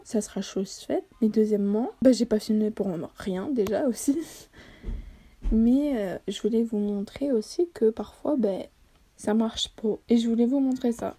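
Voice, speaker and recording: A woman's voice: fairly high pitch, mellow. A woman vlogger talking casually over a study-with-me video, self-deprecating and hesitant, with many fillers.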